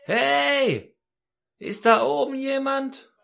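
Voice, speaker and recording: A man putting on a panicked man yelling from a cliff. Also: very high voice, slow pace, pitched above the performer's own voice, full character voice. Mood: desperate. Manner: shouting desperately for help.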